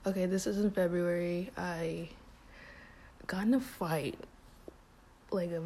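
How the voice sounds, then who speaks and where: A young woman telling a personal story in a relaxed, casual vlog style. She fills her speech with "like" and small laughs, and says she feels a little sick and hot. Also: on the low side, slow pace, a little hiss or hum. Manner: relaxed, heavy use of "like", frequent small laughs. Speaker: vlogger.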